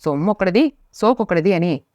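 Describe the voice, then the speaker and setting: A woman narrator voicing a sharp-tongued, quarrelsome middle-aged wife who scolds and resents her husband, in a storybook reading. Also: on the low side, lively intonation, moderate pace, no echo, natural voice. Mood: scolding. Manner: biting, scolding. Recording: dry, slightly muffled lo-fi recording.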